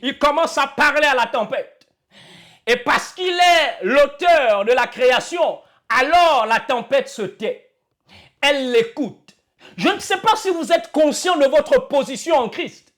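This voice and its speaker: High-voiced fervent male preacher. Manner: fervent, shouting and crying out in bursts, repeating phrases. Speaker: apostle preaching. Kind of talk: sermon. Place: church.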